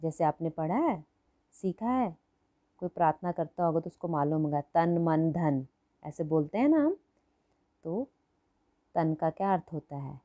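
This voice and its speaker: A woman's voice: low-pitched, lively intonation, moderate pace, pauses often, phone-quality sound. A woman teaching a primary school lesson, patient, repeating each word and asking the class questions. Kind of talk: slow classroom lesson for children.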